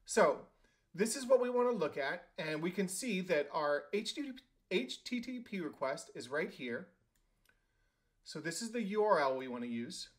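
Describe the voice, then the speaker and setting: A man hosting a screen-recorded software tutorial, talking casually and thinking aloud with fillers and quick self-corrections. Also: high-pitched, sing-song. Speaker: tech tutorial host.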